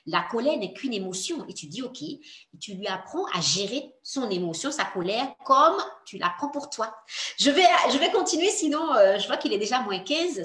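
A woman coaches mothers through a workshop, earnest and encouraging as she speaks directly to her listener. Her voice moves animatedly up and down, at a middling pitch. The recording carries a noticeable roomy echo. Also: fairly bright tone. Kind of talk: workshop talk.

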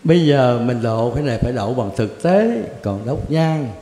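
A man's voice: mid-range voice, expressive, normal speed, warm tone. Older man in an echoey hall. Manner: blunt, colloquial, chuckling asides. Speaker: Zen Buddhist teacher. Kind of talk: answering questions in a Dharma talk. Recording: echoey hall with long reverb.

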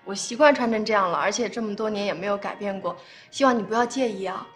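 A woman's voice: medium pitch, fast, soft background music, close to an everyday voice. An actress playing a frank young woman in a TV drama, speaking politely with light laughter. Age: young adult. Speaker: young woman dating an older man. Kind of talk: TV drama acting.

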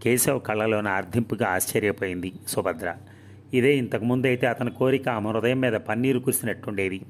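A man narrating a novel aloud in a calm, even storytelling manner. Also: fairly low pitch, a little hiss or hum. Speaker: audiobook narrator.

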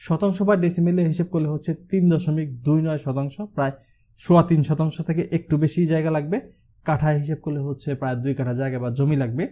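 A man from Bangladesh talks quickly through the rooms of a house design, the way a designer explains his own plan. His voice sits a bit high but sounds mellow, and he keeps coming back to the same filler word. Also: fairly even intonation. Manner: walkthrough explanation with the filler হচ্ছে used often.

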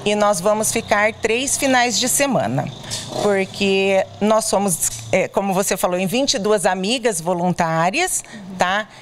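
A woman's voice: mid-range voice, a little slow, slight background noise. A middle-aged woman volunteer interviewed at a charity bazaar, explaining earnestly with frequent hesitations into a handheld mic. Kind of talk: on-camera interview. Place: indoors at a clothing bazaar. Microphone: handheld reporter mic.

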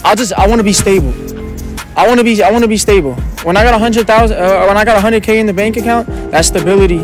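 A rapper and comedian in his 20s is the guest in a casual street interview in a busy city park, talking brash, repetitive slang and gesturing animatedly with his hands. His high-pitched voice moves at a quick pace, with faint music behind, picked up by a phone the interviewer holds at chest height.

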